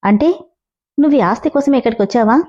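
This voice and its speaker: A woman voicing a sharp, demanding young lawyer who speaks firmly and questions hard. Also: a little high, fast, lo-fi sound, lightly acted. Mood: stern. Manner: firm, questioning.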